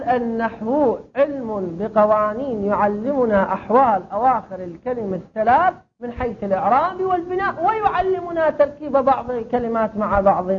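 Woman teaching in a dull lo-fi recording. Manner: asks questions and answers them herself. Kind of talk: classroom lesson on Arabic grammar and rhetoric. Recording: dull lo-fi recording with faint rumble.

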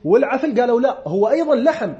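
A man with an Iraqi Arabic accent giving a seminary lecture on religious law, repeating definitions slowly and joking with his students. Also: extremely high pitch, expressive, dark tone, muffled recording.

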